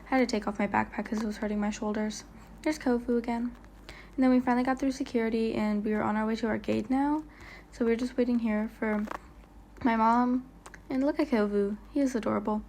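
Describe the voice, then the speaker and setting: Chatty young-sounding woman, bright voice. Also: on the high side, steady tone, brisk, slight background noise. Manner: chatty, rambling, lots of "like" fillers; stumbles and stutters on words. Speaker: vlogger. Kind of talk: casual travel vlog voiceover. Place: voiceover, not recorded on location.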